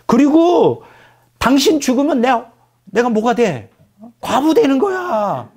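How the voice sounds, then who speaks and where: A man's voice: moderate pace, gravelly, darkish tone, breathy edge, heavily acted. A male preacher voicing an exasperated wife who scolds her husband in disbelief. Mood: pleading. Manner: scolding, incredulous, shrill. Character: exasperated shouting wife, middle-aged woman. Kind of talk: acted quote in a sermon.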